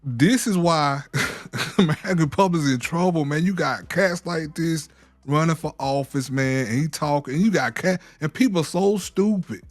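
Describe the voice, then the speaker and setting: A man co-hosting a casual commentary show, talking in an animated, mocking, exasperated way. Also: a little high, normal speed, no echo, faint music behind. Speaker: co-host.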